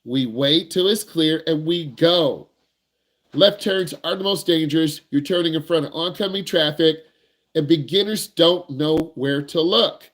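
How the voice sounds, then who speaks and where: A driving instructor talks straight to the camera with plenty of energy and emphasis. His voice is high for a man, and now and then he puts on a nervous student's voice. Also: measured pace. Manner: animated, emphatic, acts out nervous students in a higher voice.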